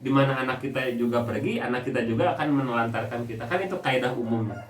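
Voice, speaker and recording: A man's voice: mid-range voice, fast. A young man with a Sundanese-accented Indonesian voice preaching on family life, telling humorous personal stories to a congregation. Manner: animated, humorous personal storytelling. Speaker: Islamic preacher. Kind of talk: family religious talk to a congregation. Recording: echoey hall, distant mic, background noise.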